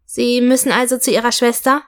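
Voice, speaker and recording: A woman's voice: fairly high pitch, little pitch movement, a little fast, voice pushed up, lightly acted. A woman voicing a chatty taxi driver. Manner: chatty, curious. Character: friendly female taxi driver, curious, chatty.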